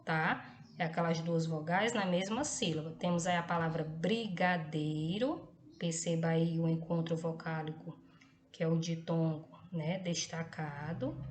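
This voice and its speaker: A woman's voice: lowish voice, a little hiss or hum. Patient woman teacher explaining a lesson. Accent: Brazilian Portuguese. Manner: explains slowly with frequent tag checks, tá and ok. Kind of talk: recorded classroom lesson for children.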